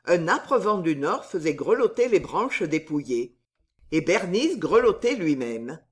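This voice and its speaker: A woman narrating a storybook in a slow, expressive reading. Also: lowish voice.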